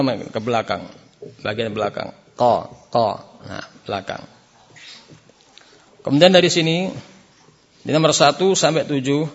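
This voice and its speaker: Male recitation teacher, sounds out letters for the class, slow chanted examples, dull lo-fi sound. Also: medium pitch, gravelly. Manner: demonstrates letter sounds and has the class repeat; chants verses slowly to show right and wrong. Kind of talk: classroom tajwid lesson. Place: Islamic boarding school class.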